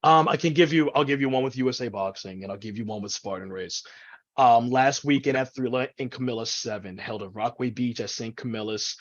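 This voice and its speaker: Slightly muffled, lo-fi video call audio carries a man from New York City with a medium-pitched voice. He chats casually as an interview guest and tells stories with animation. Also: brisk. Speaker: ring announcer and event MC, interview guest.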